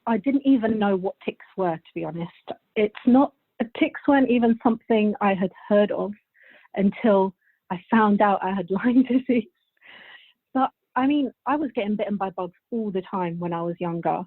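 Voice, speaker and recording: A woman's voice: medium pitch, normal speed, no room sound. A chatty woman in her thirties, from Bulgaria, talks over a thin, tinny line that sounds like a phone call. The sound is dry with no room around it. Her answers ramble loosely and she laughs easily. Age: 30s. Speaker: podcast guest. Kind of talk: casual interview answers.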